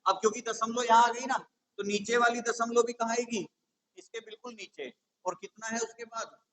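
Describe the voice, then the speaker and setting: Maths teacher guy, kinda high voice, goes slow n patient thru each step. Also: sharp tone, poor audio. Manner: patient, step-by-step, checks with "theek hai". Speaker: maths tutor for exam coaching. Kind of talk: whiteboard maths lesson.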